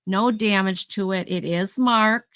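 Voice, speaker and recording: A woman's voice: medium pitch, unhurried, a bit bright, dry recording. A woman hosting a casual live vintage sale, chatting as she describes each item in detail and counts down the sales. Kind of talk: casual live-stream selling.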